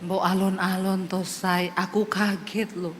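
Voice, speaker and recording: A woman voicing her easygoing Javanese husband, who speaks softly and slowly with a falling tone. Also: high-pitched, flat delivery, voice pushed down. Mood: gently pleading. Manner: soft, slow, falling-tone speech. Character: easygoing Javanese husband, soft-spoken and unhurried. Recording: long hall reverb with faint music.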